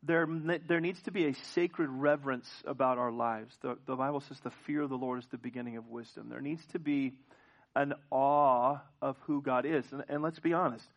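A man's voice: mid-range voice, steady tone, moderate pace, vocal fry. Man preaching a conversational sermon. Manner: conversational preaching, asks the congregation questions; frequent restarts and repeated words. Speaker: pastor. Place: church sanctuary with congregation. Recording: dull lo-fi church recording.

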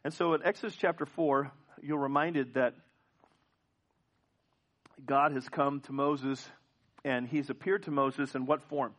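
A man's voice: mid-range voice, fairly even intonation, unhurried, pauses often, a bit bright. Man preaching a conversational sermon. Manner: conversational preaching, asks the congregation questions; frequent restarts and repeated words. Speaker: pastor. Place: church sanctuary with congregation. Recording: dull lo-fi church recording.

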